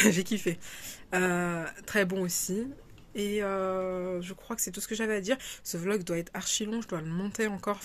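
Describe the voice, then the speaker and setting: A young woman in her twenties talks to her viewers in a relaxed, rambling vlog. She fills her sentences with hesitations, trails off and restarts, and keeps the tone light and informal. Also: medium pitch. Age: 20s. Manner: chatty, rambling, many fillers and restarts, laughs often. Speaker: vlogger. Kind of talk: casual vlog chat.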